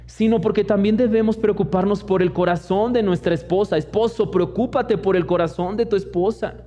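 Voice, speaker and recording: A high-pitched, dark-toned young man preaches as pastor, his Mexican Spanish accent carrying personal anecdotes in which he acts out other people's voices as quoted asides. It was captured in a church hall with long reverb and a dull, lo-fi quality.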